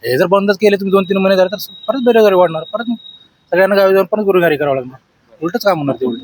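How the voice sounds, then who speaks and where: A shopkeeper rattles his words off very fast, exasperated, in a fairly high voice. The sound is dry and close. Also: a little mellow, dry recording, poor audio. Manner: rushed, exasperated. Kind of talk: street interview.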